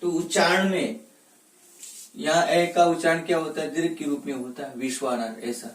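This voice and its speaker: A male teacher giving a classroom grammar lesson, asking questions and answering them himself, breaking words slowly into their parts. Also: on the high side, steady tone, far from the mic. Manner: slow and deliberate, stresses each part of a word. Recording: echoey room, voice from off mic.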